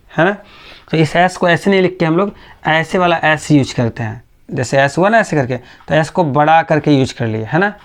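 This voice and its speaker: Male physics teacher, gravelly, a little high; slow, patient, keeps checking students follow. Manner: patient, repetitive, checks understanding often; speaks slowly on purpose. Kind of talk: classroom lecture.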